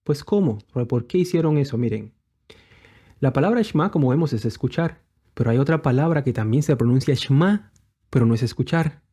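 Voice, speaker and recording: A man's voice: mid-range voice, animated, brisk, dark tone, breathy edge. A man giving a religious lesson, explaining patiently with many fillers and rhetorical questions while pointing to letters on screen. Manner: refers to letters shown on screen. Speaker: bible teacher. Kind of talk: religious teaching.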